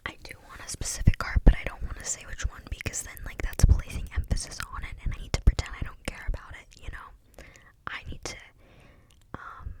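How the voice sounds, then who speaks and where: A young woman gives a rambling, unscripted ASMR talk in a breathy, clicky whisper, very close to the mic as if right in your ear. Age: young adult. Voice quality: breathy, unvoiced whisper with clicky mouth sounds. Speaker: ASMR video creator. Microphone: close microphone without cover.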